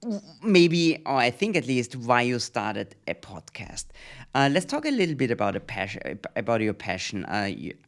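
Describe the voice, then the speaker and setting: Brief: male host, mid-pitched, talkative and teasing, casual interview chat. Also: wildly swooping pitch, normal speed. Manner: chatty, teasing, friendly.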